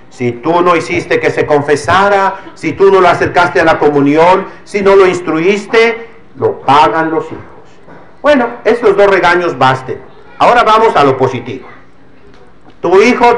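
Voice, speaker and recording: A man's voice: fairly high pitch, fairly bright tone, rough recording. A man preaching a sermon as a priest. He scolds and admonishes, and he uses homely everyday examples.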